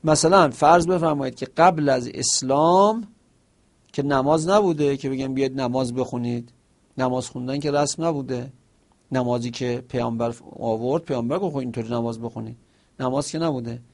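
A medium-pitched, somewhat mellow male voice leads a seminary lesson, illustrating ideas with examples and putting questions to himself. Short Arabic phrases are quoted within his Persian.

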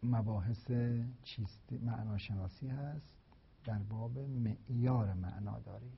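A man lecturing on philosophy of language, explaining slowly and deliberately with repeated examples. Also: on the low side, creaky, slight background noise. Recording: dull, lo-fi recording.

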